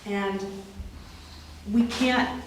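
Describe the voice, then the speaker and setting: Sex: woman. Role: business owner. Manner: brief, polite, firm. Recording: distant, very echoey room, loud noise. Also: mid-range voice, fairly even intonation, very slow. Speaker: golf club owner giving a statement. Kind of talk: public comment at a hearing. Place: township meeting room.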